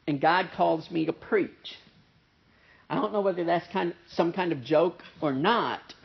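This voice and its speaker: A pastor preaches conversationally at a church service with a pianist present, his nasal voice sitting on the high side with husky vocal fry. He uses many "uh" fillers and "right?" asides, and the sermon recording sounds dull and muffled.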